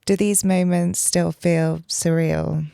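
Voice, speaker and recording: A woman hosting a podcast interview, asking calm questions and giving brief affirmations. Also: lowish voice, slow pace, gravelly, clean tone, no room sound, clean studio sound. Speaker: podcast host.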